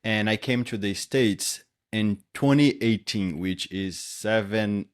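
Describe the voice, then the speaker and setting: A man's voice: fairly low pitch, slow, smooth. A young man from Brazil with a Brazilian Portuguese accent, chatting easily as a guest actor on a podcast and laughing often. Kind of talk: casual interview chat.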